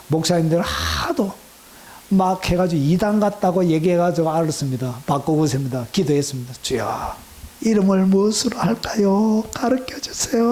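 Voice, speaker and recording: Male pastor, middle-aged, high-pitched, animated sermon delivery with sudden hushed asides. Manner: animated, swings between loud exclamations and hushed asides.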